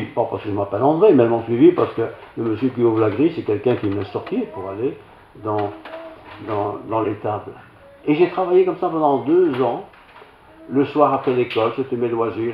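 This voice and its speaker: A man's voice: mid-range voice, a little hiss or hum. An older man with a Belgian French accent, a pastor telling a homely, self-mocking childhood anecdote in a sermon. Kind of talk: storytelling sermon. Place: church hall. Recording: roomy, slightly dull church recording.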